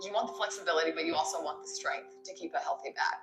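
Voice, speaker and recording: Guiding a yoga class, a woman gives encouraging, conversational step-by-step instructions in a deep, creaky voice at a fast pace. The sound is roomy and echoing, with background music.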